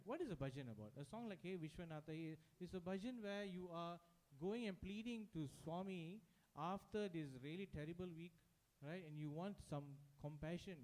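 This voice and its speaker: With music playing in the background, a man with a slightly high, somewhat mellow voice leads a devotional singing workshop. He speaks conversationally, slips into sung examples, and keeps checking in with his audience.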